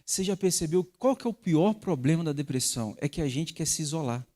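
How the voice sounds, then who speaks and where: A man preaching a sermon as pastor, teaching with sharp, emphatic rises in his voice. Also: on the high side, animated, fairly quick.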